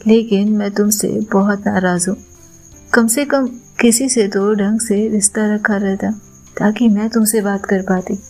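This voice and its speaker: A cheerful young bride chatters in quick, excited bursts, as a female storyteller voices her. The voice has a gravelly fry, and faint music runs under the audio story. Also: mid-range voice, lightly acted, poor audio.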